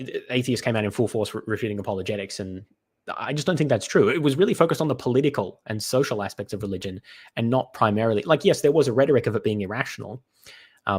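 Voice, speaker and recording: A man with a congested, stuffy-nosed voice gives unscripted reaction commentary, halting and often restarting as he thinks aloud. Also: mid-range voice, breathy edge. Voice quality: stuffy nose from being sick. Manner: hesitant, halting, digressive with many restarts. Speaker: commentator reacting to apologetics content.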